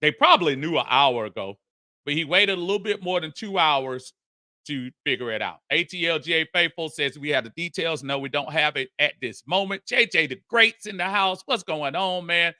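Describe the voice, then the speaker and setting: A man hosting a live sports talk stream, energetic and folksy, greeting viewers by name and reading their comments. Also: fairly high pitch, moderate pace, no room sound, studio quality. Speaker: sports talk show host.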